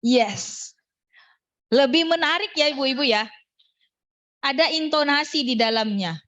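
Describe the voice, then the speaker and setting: High-voiced woman teaching public speaking. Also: a little slow, a bit bright, lo-fi sound. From North Sumatra, Batak. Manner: demonstrates intonation, asks audience questions. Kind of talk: lively workshop talk to a women's group.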